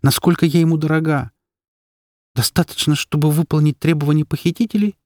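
A man narrating a novel in the first person in a steady, measured reading voice. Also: on the high side, no room sound, studio quality. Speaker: audiobook reader.

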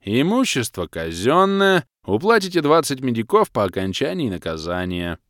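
A man voicing a pompous, dutiful male city guard who gives drawn-out, insistent orders. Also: medium pitch, very animated, no echo, studio quality, pitched above the performer's own voice, natural voice.

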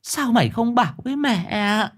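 Man doing a frantic village mother, high shrill voice, stammering, pleading, ghost story telling. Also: animated, moderate pace, fairly bright tone. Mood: panicked. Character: frantic worried middle-aged village mother.

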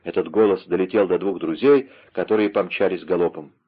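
A man narrating an adventure novel aloud in a dramatic, lively reading style, on a slightly dull recording. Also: low voice, brisk, husky. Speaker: audiobook narrator. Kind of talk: scripted narration.

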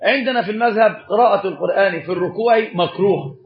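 A man teaches a religious lesson at a brisk clip, his voice sitting high for a man. He keeps the class engaged by posing questions and answering them himself. The recording sounds dull and lo-fi. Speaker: Islamic scholar teaching a course.

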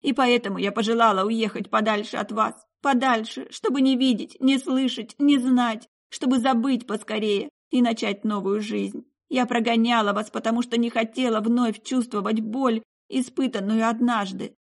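Audiobook figure: remorseful middle-aged mother, emotional outbursts, higher voice, read by a woman. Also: steady tone, normal speed, few pauses. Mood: anguished.

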